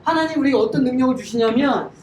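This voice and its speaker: Middle-aged male Bible teacher, animated and interactive with the class; recorded from a distance in a roomy hall. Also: very high-pitched, racing. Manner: animated, questions the class and acts out everyday sayings. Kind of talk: Bible study lecture with audience questions. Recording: echoey room, distant mic, clear background noise.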